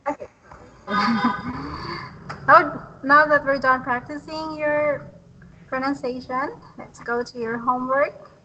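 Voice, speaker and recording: A woman's voice: sits high, slow pace, dull audio, slight background noise. A woman tutoring English pronunciation, patient and encouraging, laughing often. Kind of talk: online one-on-one pronunciation lesson.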